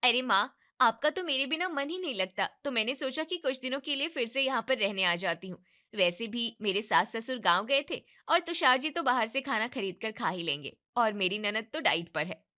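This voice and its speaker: A woman's voice: a little high, lively intonation, moderate pace, pushed and bright. Woman playing an entitled, bossy young wife. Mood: breezy. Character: lazy, demanding young married woman, bossy. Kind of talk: animated story voice acting.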